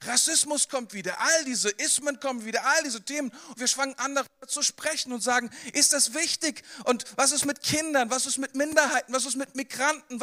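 A man with a high, bright voice preaches a sermon in a lively, conversational way. He keeps turning to the listener with direct questions.

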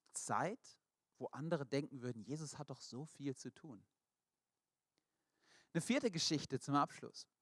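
A man preaching a sermon, retelling stories in a lively way and acting out the voices of the people in them. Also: mid-range voice, no room sound, clean studio sound.

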